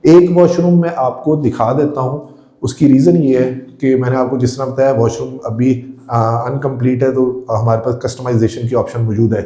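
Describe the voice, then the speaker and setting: Male property-tour host, eager walkthrough narration, mellow tone. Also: mid-range voice. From Pakistan. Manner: enthusiastic, addresses viewers directly, descriptive. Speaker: real estate tour host. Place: indoors, empty house rooms.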